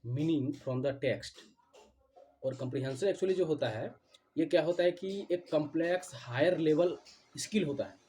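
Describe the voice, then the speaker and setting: A man teaching an exam-prep class, mixing Hindi and English and slowly repeating key terms. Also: mid-range voice, mellow, a little hiss or hum. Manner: repeats key terms slowly, often adds "theek hai".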